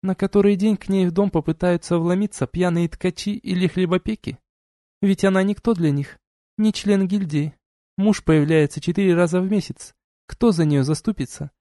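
A man reading an audiobook and voicing a cold, scornful noble duchess who lectures in a measured, sarcastic way. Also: sits high, mellow, no echo, studio quality.

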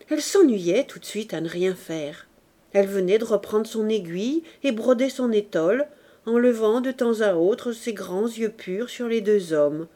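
A woman reading a classic novel aloud as an audiobook narrator, with expressive, measured delivery. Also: medium pitch. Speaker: audiobook reader.

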